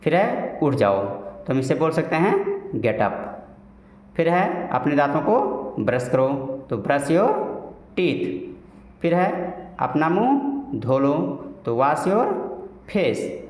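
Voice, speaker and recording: A man teaching spoken English in Hindi, giving each phrase and repeating the English slowly for learners. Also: a little high, a little mellow, roomy sound, rough recording.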